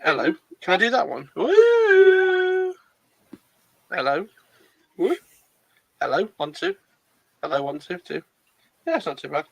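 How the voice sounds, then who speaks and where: A man's voice: high-pitched, huge pitch swings, measured pace, gravelly, pauses often. A man in a casual voice chat, playfully repeating test words through a hollow metallic echo, as if he were inside a tin can. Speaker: voice chat participant. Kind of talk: casual chat, testing a voice effect.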